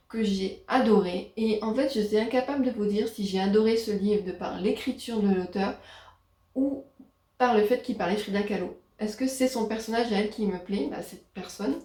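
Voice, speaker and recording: A chatty woman speaking casually on her book vlog, pausing often as she goes. Her voice sits a bit high but sounds mellow and soft-edged. The sound is roomy, with a noticeable echo around her. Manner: chatty, hesitant with frequent pauses. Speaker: book vlogger. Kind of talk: casual book haul chat.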